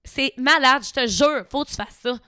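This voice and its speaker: A young woman in her twenties with a Québécois accent, a podcast guest telling stories excitedly in casual chat and adding her own sound effects. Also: sits high, moderate pace, clean tone, dry recording, studio quality.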